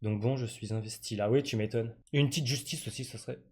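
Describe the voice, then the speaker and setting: A man's voice: mid-range voice, fast talker. A man from France streaming a game live, chatting with his viewers in slangy, joking banter. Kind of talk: live-stream gaming commentary.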